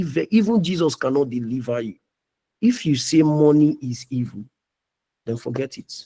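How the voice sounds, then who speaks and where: A man's voice: medium pitch, dark tone, husky. A young man giving a preachy motivational talk as a mentor in a live online meeting, often asking "you understand?".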